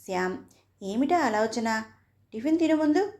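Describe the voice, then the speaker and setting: A woman voicing a caring middle-aged mother who gently scolds her son. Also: fairly high pitch, lively intonation, normal speed. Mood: coaxing. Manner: affectionate scolding.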